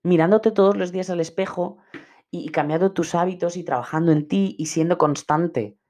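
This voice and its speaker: A man's voice: sits high, moderate pace, darkish tone. A young man, talking earnestly as a personal development coach in a podcast monologue, repeating key phrases for emphasis.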